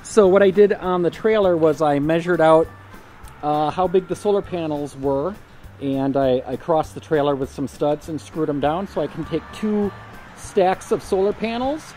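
A man's voice: a little high, moderate pace, dark tone, faint music behind. A man in his forties vlogging casually with dry, self-mocking humor, filming himself with a handheld camera. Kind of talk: casual vlog narration. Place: in a car and a home garage.

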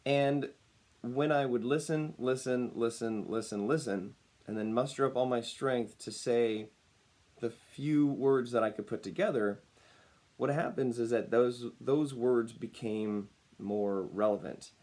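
Still a little raspy as he gets his voice back, a man in his thirties who works as a personal branding speaker chats to his webcam from a home room indoors, the camera at desk distance. He stays upbeat and smiling, chuckling frequently, his mid-range voice unhurried and a little mellow.

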